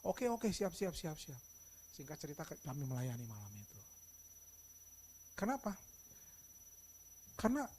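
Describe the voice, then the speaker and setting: A middle-aged man preaching a sermon, telling stories and acting out dialogue, swinging between soft and loud emphasis. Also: extremely high pitch. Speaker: pastor.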